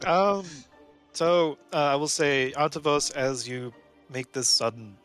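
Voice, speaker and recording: A man's voice: fairly high pitch, measured pace, a bit bright, soft background music. A man narrating a tabletop game as game master, chatty and trailing off into asides. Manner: chatty, laughs often, trails off.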